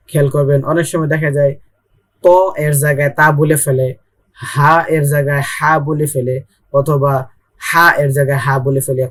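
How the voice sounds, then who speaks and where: A young man with a Bangladeshi Bengali accent teaching Arabic letters in an online Quran lesson, patiently repeating and drilling each sound. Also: a little high.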